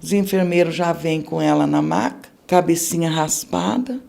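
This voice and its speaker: A woman's voice: deep voice, normal speed, vocal fry, dark tone. A middle-aged woman with a Brazilian Portuguese accent gives an emotional religious testimony on a podcast, telling her story vividly and acting out the people in it. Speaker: podcast guest giving testimony.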